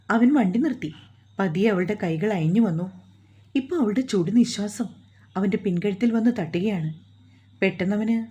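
A woman reading a dramatic short story aloud in a calm, measured way. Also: medium pitch.

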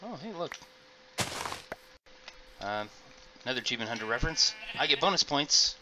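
A man's voice: medium pitch, very animated, moderate pace. A middle-aged man casually commenting on his game as he plays, rambling and chatting to his viewers. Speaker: gaming video host. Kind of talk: casual let's-play commentary. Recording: noisy home mic recording.

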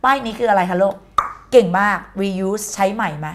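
A woman's voice: mid-range voice, normal speed, noisy background. A woman teaching an exam-prep English lesson in a chatty, playful way, mixing English words into her speech. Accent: Thai.

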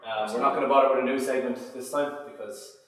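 A man's voice: mid-range voice, steady tone, slight background noise. A young man co-hosting a podcast, chatting casually and agreeably, with lots of fillers, echoing his guest's answers. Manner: agreeable, filler-heavy, quick to echo answers. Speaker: podcast co-host. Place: indoor gym. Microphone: far camera mic. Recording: echoey gym room from far off.

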